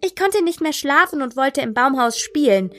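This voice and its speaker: A woman reading aloud, voicing a small eager boy in a high, chirpy, proud voice. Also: animated, normal speed, fairly bright tone, soft background music.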